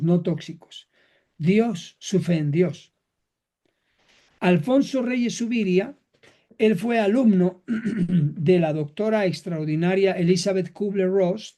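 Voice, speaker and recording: High, mellow-voiced man teaching. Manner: measured, list-like phrasing with frequent rhetorical questions; clears throat often. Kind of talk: lecture to counseling students.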